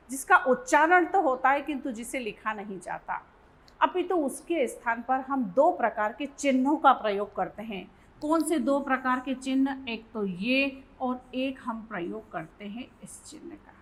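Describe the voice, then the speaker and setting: A woman teaching a Hindi grammar lesson, asking questions and answering them herself and repeating definitions slowly. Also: high voice, low-quality recording. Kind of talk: classroom lesson.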